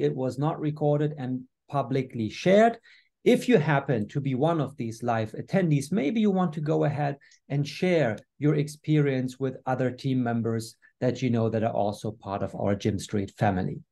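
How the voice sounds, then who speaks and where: A man's voice: mid-range voice, normal speed, a little mellow. A man hosting a business webinar over a video call, upbeat, with frequent fillers. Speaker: webinar host.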